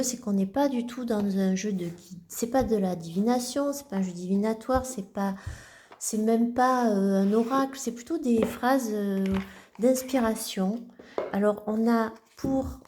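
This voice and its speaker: Woman vlogger, slow and mellow, hesitant with lots of restarts, casual show-and-tell. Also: on the high side. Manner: hesitant, halting, many restarts and fillers. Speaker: vlogger presenting her card decks.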